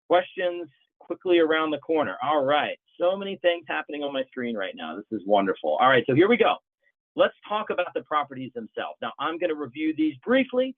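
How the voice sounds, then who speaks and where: A man presenting a sales webinar, bantering like a game-show host. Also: fairly high pitch. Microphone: video call. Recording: tinny phone-like audio.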